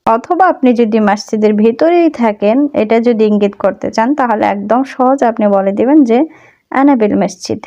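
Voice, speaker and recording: A young woman teaching phrases in a spoken lesson, repeating each line slowly and carefully in a chatty, humble way. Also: a little high, mellow, highs cut off. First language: Bengali. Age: young adult. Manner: slow, careful repetition of phrases. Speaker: language teacher.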